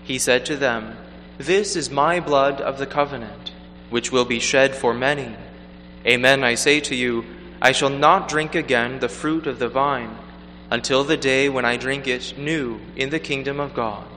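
A man reading the gospel and preaching a homily at Mass in a measured, earnest way, his voice ringing with cathedral echo in a large church. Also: medium pitch, fairly even intonation, sharp tone. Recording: long church reverb, faint hum.

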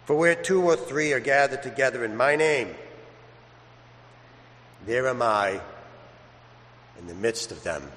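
A man's voice: medium pitch, animated, measured pace, pauses often, a bit bright, slight background noise. A man, a priest, reading the Gospel and preaching a homily in a conversational way with everyday examples, his voice ringing with cathedral echo in a large church. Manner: conversational, uses everyday examples and acted-out asides. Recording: echoey church with long hall reverb.

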